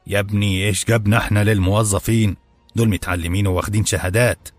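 A stern, patronizing older head servant with an Egyptian accent lectures in a low, husky voice, as a male narrator voices him. Dry, close sound with faint music. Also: steady tone, quick pace, dry recording, close to an everyday voice. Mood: lecturing. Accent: Egyptian Arabic.

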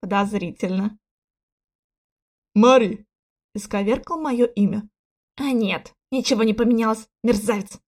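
A woman narrating a first-person fantasy novel in a lively, expressive way. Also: fairly high pitch, moderate pace. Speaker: audiobook narrator.

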